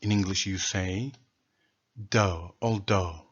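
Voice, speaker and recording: A man delivers a solo lecture in a low, slightly husky voice. He speaks very slowly and deliberately, setting out word after word. The recording sounds dull and lo-fi. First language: Turkish. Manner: slow, deliberate, lists words one by one. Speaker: presenter of a language theory.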